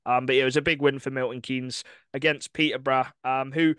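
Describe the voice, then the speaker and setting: A young man co-hosting a podcast in casual, enthusiastic sports chat, with quick asides and laughs. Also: mid-range voice, level tone, a bit bright, clean tone, dry recording. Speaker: podcast co-host.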